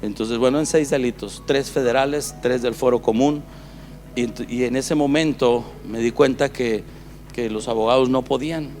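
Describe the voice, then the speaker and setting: A Mexican man preaching his own testimony, storytelling with plenty of acted-out conversation. His voice sits at a middling pitch. Faint music plays beneath him. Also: moderate pace, a little mellow. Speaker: pastor giving a testimony.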